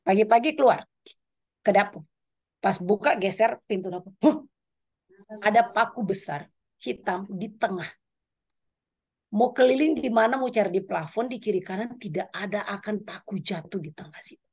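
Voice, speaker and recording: A middle-aged woman speaking at a women's prayer meeting, giving a lively spoken testimony sermon, her pitch rising and falling as she tells her story. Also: normal speed, husky. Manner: animated storytelling, pitch swinging up and down.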